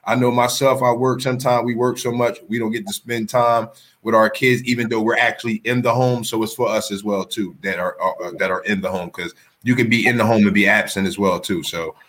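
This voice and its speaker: A man's voice: fairly low pitch, steady tone, a little fast, a bit bright. A man eagerly explaining his fathers challenge on an online call, often repeating himself. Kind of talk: casual promotional chat.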